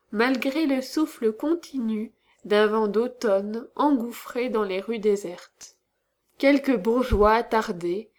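A woman narrates a classic novel in a measured, dramatic reading. Her voice sits a little high and she takes her time over each phrase. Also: a little mellow.

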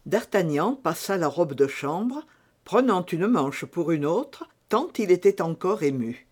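Slow, lively male narrator. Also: high-pitched. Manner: slow, measured reading. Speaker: audiobook narrator. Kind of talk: scripted narration.

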